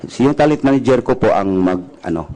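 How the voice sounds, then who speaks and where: A man testifying as a witness at a hearing, answering deferentially and politely, halting and restarting often. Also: fairly low pitch, lively intonation, darkish tone, poor audio. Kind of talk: testimony under questioning.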